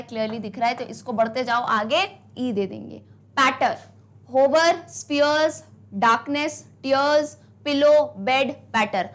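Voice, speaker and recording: A woman's voice: high-pitched, a bit bright. A woman teacher, encouraging her students with rhetorical questions and mixing English phrases into the lesson. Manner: mixes English into talk; reads poem lines slowly and deliberately. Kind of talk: online class lesson.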